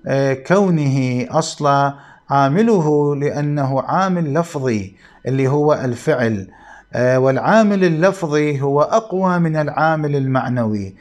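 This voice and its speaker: A man giving a grammar lesson, who asks questions and answers them himself, slowing down to stress key points. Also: fairly high pitch. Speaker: grammar teacher. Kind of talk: classroom lesson explaining Arabic grammar.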